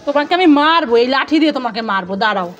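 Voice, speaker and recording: A woman's voice: sits high, expressive, very fast, faint music behind. A mother talking playfully with her children, coaxing and teasing them.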